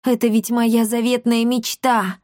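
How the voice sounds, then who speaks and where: A woman voicing an excitable, boastful young boy in a storybook reading. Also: fairly high pitch, unhurried, dry recording, studio quality, voice pushed up, lightly acted. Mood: eager.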